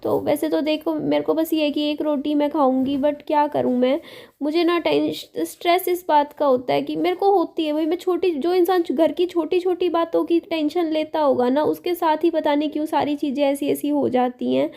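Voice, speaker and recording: A woman's voice: high voice, steady tone, moderate pace, creaky, warm tone. A young woman, vlogging at home in her kitchen and venting her worries to viewers. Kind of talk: confessional vlog while cooking. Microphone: camera set up nearby.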